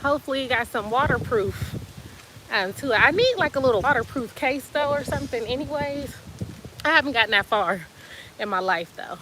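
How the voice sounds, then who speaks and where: A woman's voice: high-pitched, a little fast, noisy background. A woman vlogging on her phone while walking outdoors to the beach, chatty and out of breath, saying y'all. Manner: chatty, animated, says y'all. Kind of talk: casual vlog chat. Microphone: phone camera.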